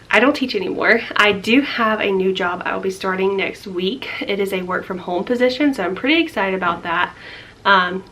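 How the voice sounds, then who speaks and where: A woman's voice: mid-range voice, fairly bright tone. A young woman chatting through a casual life update vlog, a little out of breath and rambling with lots of fillers. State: slightly out of breath. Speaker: vlogger.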